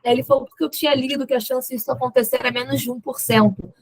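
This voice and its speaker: A young Brazilian woman tells her story as a podcast guest, voicing the people in it as she goes. Her voice sits fairly high with a gravelly, fry-tinged edge. The sound is close and dry. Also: rapid-fire, dry recording, rough recording. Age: young adult. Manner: lively retelling that acts out quoted dialogue, with laughs. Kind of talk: personal storytelling in a podcast interview.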